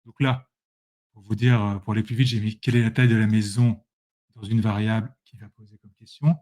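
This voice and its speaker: In a lowish, darkish voice with little pitch movement, a man briskly demos software while sharing his screen live. Speaking into a computer mic, he talks straight to viewers in a chatty way, often correcting himself.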